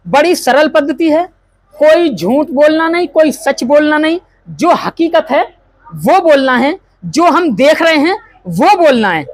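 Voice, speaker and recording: High-voiced, slow preachy man. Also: no echo. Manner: preachy, asks the crowd questions; slow drawn-out chanting. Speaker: wedding officiant. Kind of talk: ceremonial speech and chant leading.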